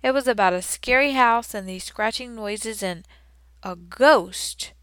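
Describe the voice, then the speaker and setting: Woman narrator for kids' audiobook, expressive and playful, crisp bright tone, dry studio sound. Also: a little high, measured pace, no echo. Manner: expressive, playful storytelling with lively emphasis. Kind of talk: first-person children's audiobook narration, as a classroom hamster.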